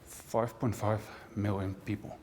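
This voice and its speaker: A lowish, unhurried male voice with little pitch movement and a slightly mellow sound carries through a large auditorium with long hall reverb and slight background noise. The speaker, a professor who grew up in the Netherlands, gives a conversational conference talk with dry jokes and frequent asides.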